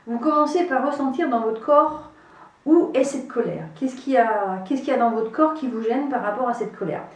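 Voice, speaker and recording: A woman leading an EFT tapping session, speaking in calm, repetitive instructions and affirmations. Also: on the high side, moderate pace. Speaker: EFT practitioner. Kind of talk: guided EFT tapping demonstration. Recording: echoey room, voice from far off.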